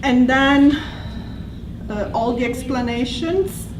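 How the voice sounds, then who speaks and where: A woman with an Italian accent, a language teacher, presents to colleagues conversationally, explaining patiently and often restarting her sentences. Her voice sits high and she speaks slowly. A distant room mic catches her from far off in an echoey space with background noise.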